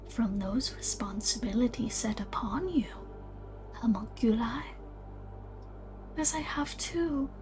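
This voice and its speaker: A woman voicing an eerie, coldly coaxing doll-faced creature in a tabletop game, in a breathy whisper with slow, theatrical phrasing. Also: fairly high pitch, poor audio. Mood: coldly persuasive. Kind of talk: tabletop game villain role-play. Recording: music behind the voice.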